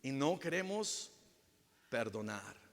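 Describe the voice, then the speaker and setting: A male pastor preaching a sermon with emphatic swings from loud to hushed, acting out the voices of people he quotes. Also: medium pitch, big pitch swings, takes it slowly, vocal fry. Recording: long reverb of a large church hall.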